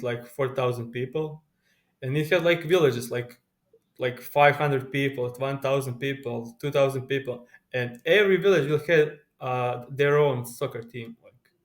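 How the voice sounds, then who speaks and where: A man's voice: mid-range voice, moderate pace. A young man from Croatia speaking English with a Croatian accent, an eager, rambling interview guest whose speech halts with frequent restarts. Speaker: guest, pro sports bettor. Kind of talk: casual interview chat.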